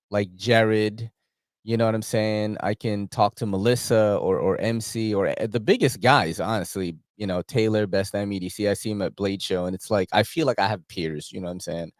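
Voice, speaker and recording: A man's voice: lowish voice, no echo, studio quality. A man, hosting a casual, rambling knife-channel chat full of slang. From New York City. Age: 40s. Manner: rambling, laughing, slangy with frequent filler.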